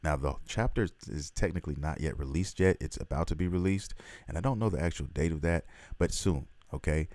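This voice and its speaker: Very deep-voiced man, excited rambling. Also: fairly quick, no echo. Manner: excited, rambling, swears freely. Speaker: host. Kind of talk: casual vlog commentary.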